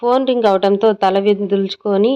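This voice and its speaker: A woman storyteller giving scripted narration of a romance serial in a steady, even way. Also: mid-range voice, a little fast. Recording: dull lo-fi audio.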